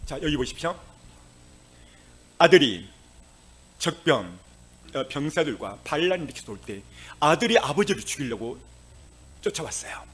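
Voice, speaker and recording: Male preacher, lively pitch, breathy edge, hushed lines bursting into shouts. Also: moderate pace, pauses often. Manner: swings from hushed to loud exclamations. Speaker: pastor. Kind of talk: sermon.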